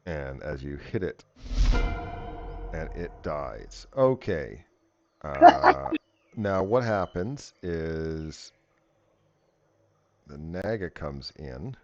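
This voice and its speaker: A man's voice: extremely low pitch, very animated, very slow, long pauses, muffled recording, music in the background. A man acting as game master, casually narrating and working through rules in a tabletop game.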